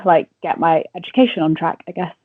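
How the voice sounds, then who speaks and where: A Welsh woman in her twenties with an English accent, a radio presenter and entertainment reporter, gives casual interview answers full of fillers and laughs. Her voice is on the low side and slightly rough at a normal speed, and the dry recording has a tinny phone-line sound.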